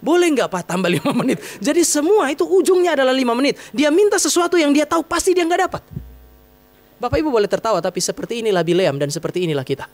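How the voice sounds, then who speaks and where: Guy preaching in a church, talks fast, kinda high voice, jokey conversational sermon. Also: big pitch swings. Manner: conversational, humorous, with acted quotes. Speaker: pastor. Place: church hall.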